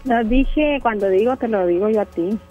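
A woman calls in to a radio show, her voice high and light as she laughs off the host's jabs. Music plays clearly behind the call. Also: normal speed, phone-quality sound. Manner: denying, playful. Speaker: caller. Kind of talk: phone-in chat with host.

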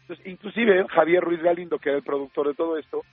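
A man with a Mexican accent, a radio host telling an anecdote in a lively way, full of fillers and acted-out quotes. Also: a little high, fast, dry recording. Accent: Mexican Spanish. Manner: lively storyteller acting out quoted dialogue, many fillers. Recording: narrow phone-like sound, faint music.

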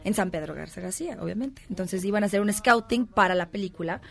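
Chatty actress from Mexico City. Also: female voice, mid-range voice, vocal fry. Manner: animated, laughing, quick storytelling. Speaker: actress guest. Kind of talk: casual interview chat.

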